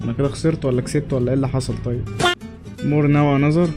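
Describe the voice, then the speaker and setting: A young man with an Egyptian Arabic accent jokes his way through a let's play, commenting on his game and talking back to the characters. His medium-pitched voice stays steady and quick, with music playing behind him.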